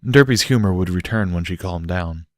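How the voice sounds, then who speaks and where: A man with a low voice reads a story aloud at normal speed as scripted audiobook narration. The recording is dry with clean studio sound.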